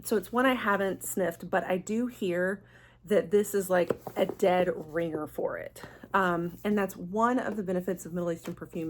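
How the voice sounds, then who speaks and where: A woman's voice: medium pitch, a little hiss or hum. A woman hosting a casual, chatty fragrance review vlog in a gushing, enthusiastic manner. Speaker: fragrance vlogger, channel host.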